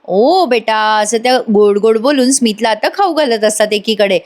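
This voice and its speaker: Chatty lady narrating a show recap, highish voice, close mic. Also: a little fast, a little mellow. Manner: chatty, addresses viewers directly. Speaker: serial reviewer. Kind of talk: voice-over episode recap. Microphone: close mic voice-over.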